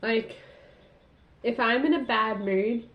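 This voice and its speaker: A fairly high-voiced woman chats on her own podcast, peppering her talk with "like" and small laughs. She speaks into a tablet's built-in mic, so the sound is roomy and somewhat dull. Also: takes it slowly, a little hiss or hum. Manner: chatty, many "like" fillers, laughs at herself. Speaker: podcast host. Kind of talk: casual solo podcast chat.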